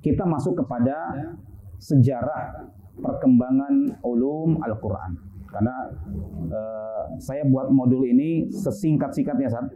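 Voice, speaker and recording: Over a tinny, phone-like line with background noise, a medium-pitched man speaks unhurriedly. As an Islamic studies teacher in an online class, he gives a casual, explanatory lecture on Quran sciences, full of fillers and rhetorical questions.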